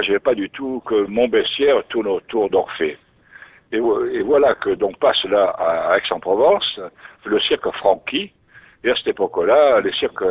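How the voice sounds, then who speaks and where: A man with a husky, lowish voice shares his story as a guest in an interview, thinking aloud and often starting phrases over. The recording has a thin, narrowband radio quality.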